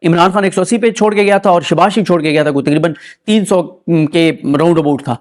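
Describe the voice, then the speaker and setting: A man giving a sarcastic, argumentative political commentary full of rhetorical questions. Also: high-pitched.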